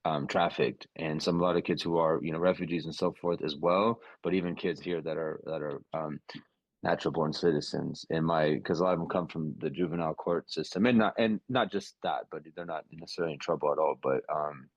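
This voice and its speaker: A young man, a boxer and podcast guest, talking in a relaxed, rambling way with many fillers and restarts over a video call. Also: extremely low pitch, fairly quick, dry recording, dull audio. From United States, West Coast. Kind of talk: casual podcast interview.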